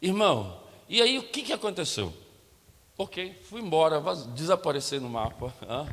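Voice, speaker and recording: A man preaching from a church platform with a Brazilian Portuguese accent, his voice pitched a little high and bright with forward edge. He tells his story animatedly, acting out each exchange and calling out to the congregation. The sound carries a long sanctuary reverb. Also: very animated, moderate pace. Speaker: pastor. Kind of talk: storytelling sermon.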